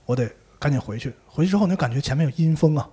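Male podcast host telling a ghost story at top speed, voice on the husky side, lively and animated. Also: fairly high pitch, rapid-fire. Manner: animated, acts out the characters. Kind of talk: casual storytelling.

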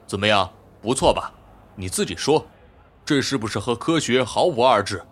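A man's voice: mid-range voice, sing-song, fairly bright tone. A man voicing Trurl, a boastful touchy robot. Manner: boastful, quickly indignant. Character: proud, touchy male robot inventor. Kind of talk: audiobook character voice.

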